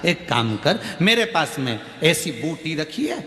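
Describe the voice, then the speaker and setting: A man voicing a calm, teasing old guru who makes mock-earnest offers in a low, slow voice. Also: heavily acted. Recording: roomy hall reverb, faint music.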